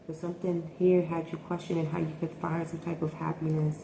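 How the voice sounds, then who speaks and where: A woman's voice: deep voice, level tone, brisk, gravelly, mellow. A woman giving a casual tarot reading, thinking aloud and hesitating often. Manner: hesitant, thinking aloud with many ums and likes. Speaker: tarot reader. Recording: echoey room with faint noise.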